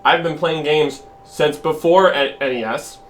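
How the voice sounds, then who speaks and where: A man's voice: fairly high pitch, measured pace. A man streaming, arguing casually and emphatically with a friend and swearing freely.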